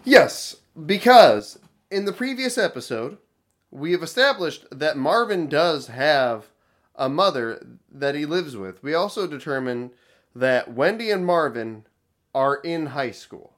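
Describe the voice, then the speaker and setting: A man co-hosting a podcast, talking in a wry, analytical, deadpan way in casual chat about a cartoon episode. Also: a little high, measured pace. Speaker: podcast co-host.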